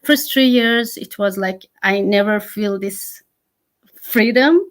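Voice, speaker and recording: Iranian-accented woman guest, thirties, earnest and halting, medium pitch. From Iran. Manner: halting, many "uh" fillers, earnest. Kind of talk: interview conversation.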